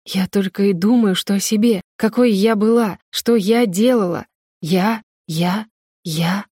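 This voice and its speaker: A woman's voice: medium pitch, normal speed, warm tone, dry recording, studio quality. A young woman reading a novel aloud in the first person, her telling emotional and tearful. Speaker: audiobook narrator. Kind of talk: first-person scripted narration.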